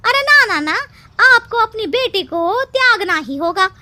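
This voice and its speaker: A woman voicing a sharp-tongued village woman who scolds and taunts the headman. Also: very high voice, expressive, unhurried, full character voice. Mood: taunting. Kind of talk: cartoon voice acting.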